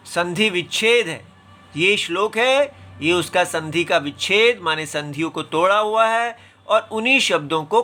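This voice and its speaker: Very slow, bright-voiced male scripture teacher. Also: high-pitched. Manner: patient, breaks words apart syllable by syllable; recites verses in a slow chant. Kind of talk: slow explanatory scripture lesson.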